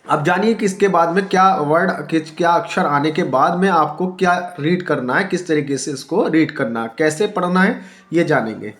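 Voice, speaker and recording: A man's voice: on the high side, normal speed, a bit bright. A man teaching English reading on his channel, spelling out words letter by letter, repeating each point and asking and answering his own questions. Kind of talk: YouTube teaching lesson.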